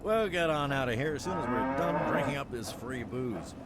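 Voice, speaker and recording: A man voicing a laid-back caravan worker in a video game. His voice is medium-pitched and sits in very loud background noise with cattle. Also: animated, moderate pace, natural voice. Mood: easygoing. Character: easygoing male caravan worker who likes free drink. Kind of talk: video game character dialogue.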